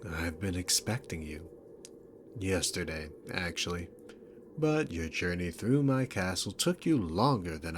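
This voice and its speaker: A man voices a deep-toned demon king in an ASMR roleplay, lingering over each taunt. Sarcastic and dominant, he mocks the listener with smug condescension, chuckling as he goes, while clear background noise sits behind him.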